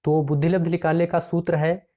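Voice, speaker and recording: A man's voice: on the high side, flat delivery, a little fast, dark tone. A man teaching an exam-prep lesson, reading out each question and its options, then repeating the correct answer and calling his listeners friends.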